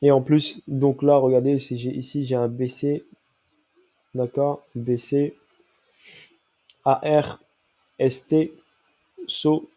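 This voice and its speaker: A crypto trading analyst explains a chart step by step in a very dark, mellow, middle-pitched voice that a cold has made nasal, his nose clearly stuffed up. Speaking in a level tone, he takes it slowly with long pauses and keeps checking that listeners are with him.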